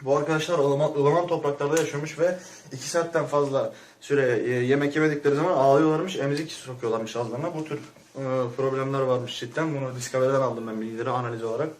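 A man's voice: mid-range voice, steady tone, fast talker, a little hiss or hum. A man giving a rambling, crude, mock-serious comic rant, short of breath and muffled by a mask. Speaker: vlogger.

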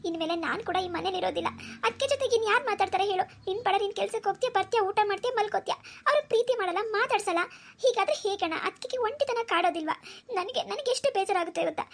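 Cartoon younger sister, young woman, very high voice, quick pleading talk, crying through her words, a woman voicing her. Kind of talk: cartoon voice acting.

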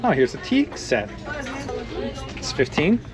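Browsing an indoor outlet store, this male podcast host gives casual walkthrough commentary and calls out prices along the way. His voice sits a little high with huge pitch swings, and his pace is measured over loud background music.

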